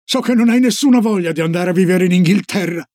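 A man's voice: fast talker, a little mellow, dry recording, studio quality, natural voice. A man doing an anxious young boy. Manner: higher, eager, pleading questions.

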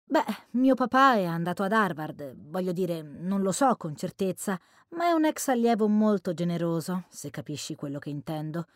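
A woman's voice: on the low side, lively intonation, normal speed, few pauses, dry recording, studio quality, lightly acted. A woman voicing a confident young college guy. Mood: friendly confident. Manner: self-assured, friendly, chatty.

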